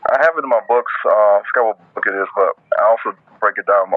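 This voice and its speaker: A man's voice: on the low side, fast talker, no room sound. A man who is an author and guest, explaining and listing things in a casual audio-room discussion. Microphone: phone in an audio chat app. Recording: tinny phone-like line.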